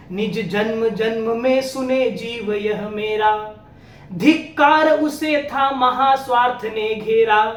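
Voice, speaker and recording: Remorseful queen mother, recited by a man, impassioned verse declamation, very slow, roomy distant sound. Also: exaggerated voice. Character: remorseful proud queen mother, adult woman. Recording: roomy echo, distant mic, faint rumble.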